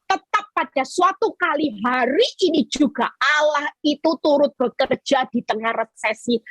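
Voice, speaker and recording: Fervent high-voiced woman preacher, husky. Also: dry recording, rough recording. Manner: fervent, emphatic preaching with pleading cries. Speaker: evangelist preacher. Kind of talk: online sermon via video call. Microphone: video call.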